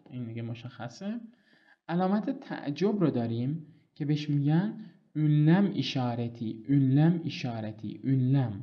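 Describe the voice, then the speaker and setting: Male language tutor, mid-pitched, patient and explanatory, slows down for examples; dull lo-fi recording. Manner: patient explaining, reads example sentences slowly and clearly. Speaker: language teacher. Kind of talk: online language lesson.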